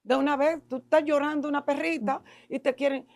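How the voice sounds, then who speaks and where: A middle-aged woman with a Dominican Spanish accent, a guest expert in neuro-linguistic programming, explains emotions to a podcast audience in an emphatic, lecturing style packed with rhetorical questions. Her voice sits high and steady, brisk and a little mellow.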